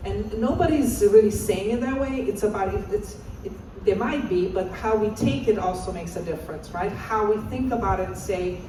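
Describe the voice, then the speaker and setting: With a mid-range voice at normal speed and few pauses, a Romanian woman presenting as an assistant professor runs an interactive session in a large conference hall, prompting the audience to answer aloud. Background noise is present, the hall echoes, and her voice sounds far off.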